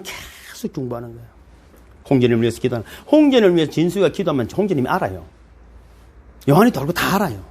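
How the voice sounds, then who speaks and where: A middle-aged man with a Gyeongsang Korean accent preaching a sermon as pastor, in a lively, folksy way with playful asides to the congregation. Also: fairly high pitch, husky. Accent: Gyeongsang Korean dialect.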